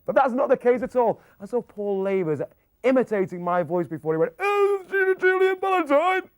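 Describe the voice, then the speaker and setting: Playful high-voiced man in a dry studio. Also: animated, a little fast, darkish tone, no room sound. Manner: playful, teasing, mimics voices. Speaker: shopping channel presenter. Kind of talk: jokey live sales patter.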